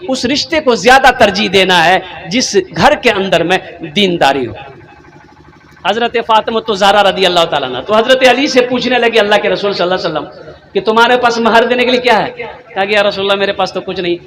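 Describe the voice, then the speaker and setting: High, bright-voiced preacher man. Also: lively intonation, brisk. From Kolkata, India. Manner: rhetorical questions, emphatic repetition, sometimes shouts. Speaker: Islamic preacher. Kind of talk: fiery religious sermon at a gathering.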